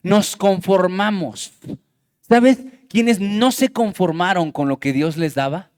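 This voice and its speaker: A man's voice: high-pitched, takes it slowly, darkish tone, clean tone. A male pastor preaching a fervent sermon in a church, speaking directly to his congregation with a Mexican Spanish accent. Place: church sanctuary.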